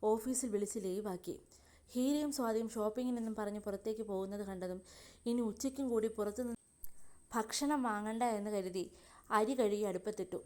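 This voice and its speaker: A woman narrating a serial romance story in a steady, even reading voice. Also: medium pitch, a little fast.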